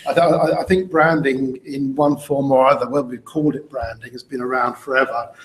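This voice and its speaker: A man's voice: mid-range voice, fairly even intonation, brisk. A man from Denmark speaking as a university panelist in a live discussion, often stammering and repeating words. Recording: echoey room, faint noise.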